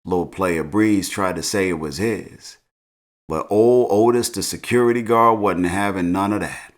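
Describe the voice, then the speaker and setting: A middle-aged man recaps a TV show in a relaxed, slangy manner, chuckling his way through the story. His voice is fairly low and his pace a little slow.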